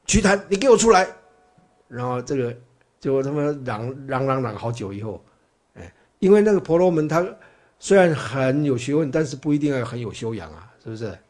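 A Buddhist teacher delivers a chatty, storytelling dharma talk packed with fillers and rhetorical questions aimed at his listeners. He speaks a little fast with lively intonation, his medium-pitched male voice dark in tone.

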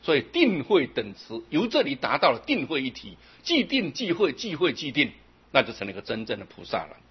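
A man giving a Buddhist dharma talk, chanting examples fast and slow and asking rhetorical questions. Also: medium pitch, huge pitch swings, breathy edge, lo-fi sound. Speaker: Buddhist teacher.

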